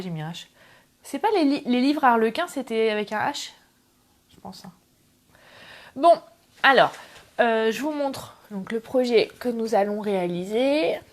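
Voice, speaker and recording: A middle-aged woman hosting a casual live craft tutorial, chatting with viewers and greeting them by name between steps. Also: on the high side. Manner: chatty, greets viewers, self-deprecating asides. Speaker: craft livestream host. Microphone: camera on tripod.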